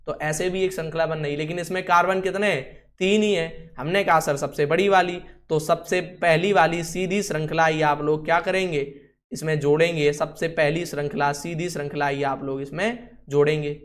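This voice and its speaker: Hindi-speaking man teaching chemistry, slightly high. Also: fairly even intonation, normal speed. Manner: asks the class questions and answers them himself; instructs someone writing on the board. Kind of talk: classroom lesson.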